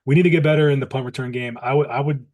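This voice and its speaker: Fast-talking man explaining football news. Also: mid-range voice, steady tone, a little mellow. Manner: clarifying, explains stats and news. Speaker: podcast co-host. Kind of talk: casual sports chat.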